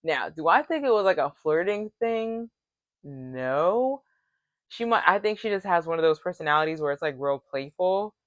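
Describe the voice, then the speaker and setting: Woman vlogger, lowish pitch, dry close sound, chatty and animated recap delivery. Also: normal speed, no room sound. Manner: chatty retelling, full of "like" and quoted dialogue. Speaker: reality show recap vlogger. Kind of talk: casual recap vlog.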